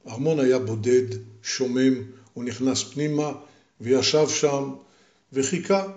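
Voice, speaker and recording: An older man, a grandfather, telling a story to his grandchildren slowly and with repetition. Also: mid-range voice, a little mellow, echoey room, highs cut off. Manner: slow, deliberate, with repetition.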